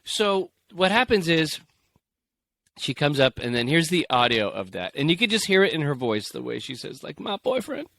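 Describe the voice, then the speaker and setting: A man's voice: a little high, big pitch swings, moderate pace, gravelly, a bit bright. A man co-hosting a podcast in casual, jokey chat, reading stories aloud and slipping into playful voices. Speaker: podcast co-host.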